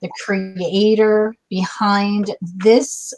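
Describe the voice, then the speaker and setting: A woman's voice: medium pitch, level tone, very slow, a little mellow, low-quality recording. Bubbly chatty woman hosting a livestream. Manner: bubbly, effusive, chatty with fillers. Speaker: host. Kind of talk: casual livestream chat.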